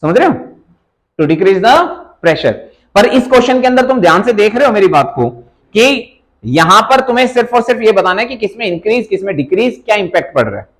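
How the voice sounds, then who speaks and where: A man's voice: high voice, sing-song, a little fast, rough recording. A man teaching a chemistry class live, teasing his students and calling them by pet names while switching between languages. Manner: teasing, calls students beta, mixes English phrases.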